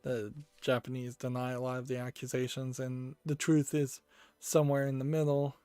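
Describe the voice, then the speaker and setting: This game news channel host thinks aloud as he looks through store reviews, his casual remarks broken by many pauses and hesitations. His mid-range voice is mellow and clean with a completely flat delivery, and the recording is dry.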